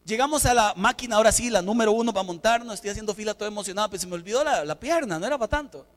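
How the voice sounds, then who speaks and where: A male pastor, preaching a sermon and telling an animated story with acted-out dialogue. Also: high voice, very fast, big-room sound. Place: church sanctuary.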